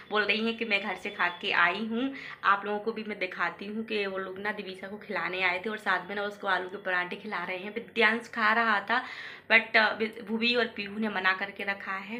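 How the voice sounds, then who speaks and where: A woman's voice: medium pitch, sharp tone, a little hiss or hum. A woman in her thirties narrating her family day in a chatty, homely way. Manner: chatty, homely, talks to kids in a sing-song voice. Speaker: vlogger, homemaker. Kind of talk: casual vlog narration.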